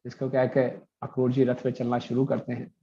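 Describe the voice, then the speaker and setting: A man's voice: medium pitch, completely flat delivery, brisk, dark tone, highs cut off, slight background noise. A male preacher telling a devotional story, acting out the characters' dialogue as he goes.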